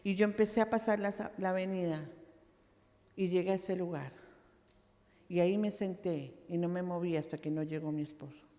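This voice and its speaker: A woman pastor with a mellow, fairly low voice preaches a personal testimony sermon at normal speed. She tells her story dramatically, repeating phrases, and the recording echoes through a large church hall.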